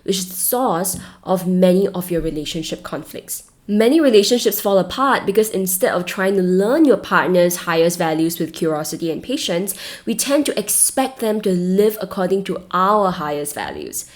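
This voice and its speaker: A woman with a Singaporean accent and a voice a little lower than most women's. She delivers scripted advice as a host, speaking straight to the listener and stressing her points. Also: big pitch swings, normal speed. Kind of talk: scripted advice talk to camera.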